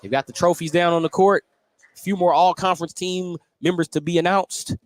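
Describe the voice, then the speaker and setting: With a high-sitting, steady voice and a slightly fast delivery, a sports commentator calls a basketball game live for radio. He describes the play in running detail from courtside in a school gym, where background noise fills the broadcast.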